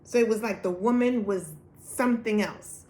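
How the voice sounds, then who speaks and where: An earnest woman recounts her personal testimony with animated storytelling. She speaks at a middle pitch, slipping into acted-out quotes along the way. The room around her carries a noticeable echo. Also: normal speed. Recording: echoey room.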